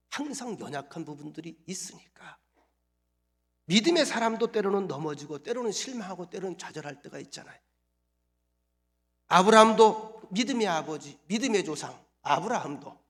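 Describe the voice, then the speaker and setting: A middle-aged male pastor preaching a sermon, moving between hushed, near-whispered lines and loud, emphatic declarations. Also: high-pitched. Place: church sanctuary.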